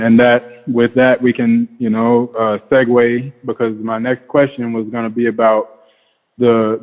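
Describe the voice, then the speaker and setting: A man's voice: mid-range voice, narrow, tinny audio. A man interviewing in a conversational, hesitant and informal way, using Rasta speech. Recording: band-limited radio-like sound with long reverb.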